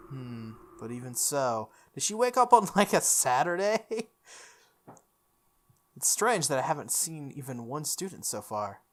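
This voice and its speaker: Over background music, a video game playthrough host reads a visual novel aloud, breaking off now and then into informal, exclamatory asides. The voice is mid-range and a bit bright, very animated yet unhurried.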